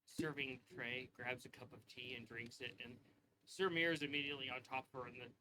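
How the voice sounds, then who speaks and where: A man narrating a tabletop game as game master, relaxed and rambling with frequent fillers. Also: mid-range voice, brisk, background noise.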